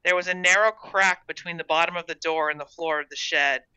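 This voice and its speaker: A woman reading her own short story aloud in an expressive storybook narration, on a dull, dry recording. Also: on the low side, fairly quick, clear, resonant tone, no room sound.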